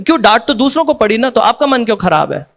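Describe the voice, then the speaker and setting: Male devotional lecturer with a very high voice, conversational, builds his points on everyday examples. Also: very animated, fast talker, creaky. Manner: conversational, keeps checking with listeners; teaches through everyday examples. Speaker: devotional speaker.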